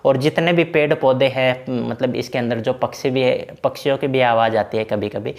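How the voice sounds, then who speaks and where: Chatty man with a gravelly voice. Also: medium pitch, steady tone, normal speed. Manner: chatty, repeats fillers like "na" and "bhai". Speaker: game tutorial creator. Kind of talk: casual screen-recorded game walkthrough.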